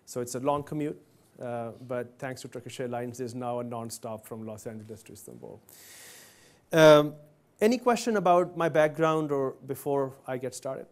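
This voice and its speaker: Speaking at normal speed in a mid-range voice, a Pakistani man in his forties addresses students in a university event hall. As a company CEO, he talks conversationally and asks the audience questions directly.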